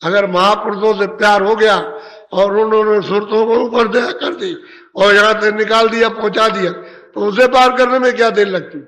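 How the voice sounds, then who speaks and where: A high-pitched man preaching a devotional sermon. He scolds and coaxes his listeners with repeated rhetorical calls. His voice trails off into a long, echoing hall reverb. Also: fairly even intonation, moderate pace, a bit bright. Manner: admonishing, rhetorical, repetitive appeals. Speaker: spiritual preacher.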